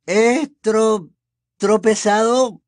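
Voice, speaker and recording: A man voicing a spoiled teenage boy, shaken and scared, hoarse and trembling, stammering over his words. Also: very high voice, extremely slow, no room sound, clean studio sound, pitched above the performer's own voice, full character voice.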